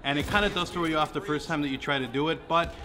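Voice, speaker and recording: A man's voice: fairly high pitch, fast. A young man giving a casual, rambling gaming commentary full of fillers. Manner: loose, rambling with many fillers. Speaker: gaming YouTuber. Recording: music playing behind.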